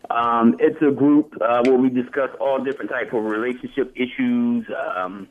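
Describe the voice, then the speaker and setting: A man's voice: medium pitch, steady tone, moderate pace. A man calling in to a radio show as a guest, easygoing and joking as he introduces himself. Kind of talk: casual radio interview. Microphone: phone line. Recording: tinny phone line.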